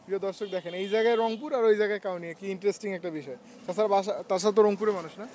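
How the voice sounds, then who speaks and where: A man from Rangpur with a Rangpur Bengali accent, running a quick, teasing casual street interview outdoors. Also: high-pitched, a crowd in the background. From Rangpur, Bangladesh. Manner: quick, teasing, laughs often.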